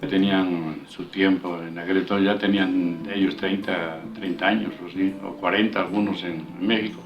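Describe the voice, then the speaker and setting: An older man from Spain telling his story as an interviewee, halting and repeating words. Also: low-pitched, fairly even intonation, muffled recording, soft background music. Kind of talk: personal recollection. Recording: roomy, from a distance.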